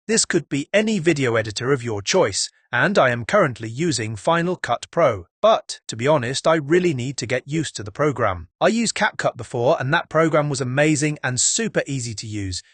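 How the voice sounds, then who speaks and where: Husky-voiced man hosting a tutorial. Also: mid-range voice, a bit bright, dry recording. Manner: upbeat, chatty, jokey asides to viewers. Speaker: video tutorial host. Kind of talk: casual step-by-step tutorial.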